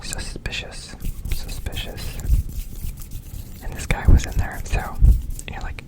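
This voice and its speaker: A man hosting ASMR in a breathy, unvoiced whisper, rambling casually and repeating words in rhythmic runs. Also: normal speed, low-quality recording. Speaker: ASMR video host.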